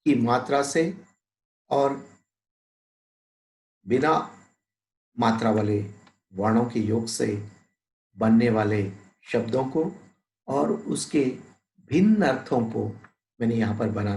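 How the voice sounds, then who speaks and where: A man teaching a Hindi lesson to schoolchildren, drawing out each word slowly and drilling word pairs. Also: mid-range voice, a little mellow, echoey room, poor audio. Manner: very slow, drawn-out and deliberate, drilling word pairs; addresses pupils as "beta".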